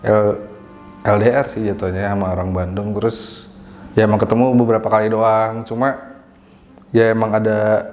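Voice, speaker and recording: A young man with a lowish voice rambles through a story, relaxed and full of slang. Faint music plays behind him. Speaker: interviewee. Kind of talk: casual storytelling answer.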